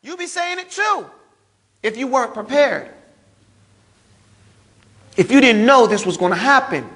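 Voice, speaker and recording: High-voiced man preaching a dramatic sermon. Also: expressive, measured pace. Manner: dramatic storytelling, acts out cries and shouts; vivid, emphatic delivery with big pitch swings.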